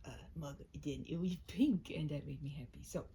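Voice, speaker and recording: Speaking in a deep, warm voice at normal speed, a storyteller chats cozily and somewhat self-consciously to a single listener in a roleplay before reading aloud a short story she wrote. The intimate delivery comes with a little hiss or hum in the audio.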